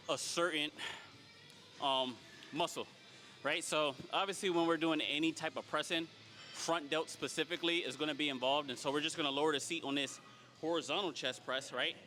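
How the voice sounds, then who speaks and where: Bright-voiced male trainer explaining in a gym. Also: on the high side, moderate pace. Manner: explanatory, keeps tagging "right?". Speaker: personal trainer. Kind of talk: casual coaching explanation. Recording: faint background music.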